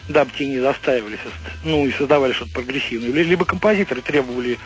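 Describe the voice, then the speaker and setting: A man's voice: medium pitch, quick pace, low-quality recording. A man phoning in as a radio guest, explaining things in a discursive, conversational way. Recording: telephone guest with music behind. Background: music.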